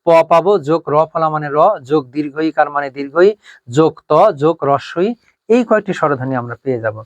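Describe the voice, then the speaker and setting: A man's voice: on the high side, expressive, quick pace, no echo. Patient man teaching grammar, dry close mic. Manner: patient, explains step by step and asks rhetorical questions. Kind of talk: online grammar lesson. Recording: dry, slightly dull close-mic sound.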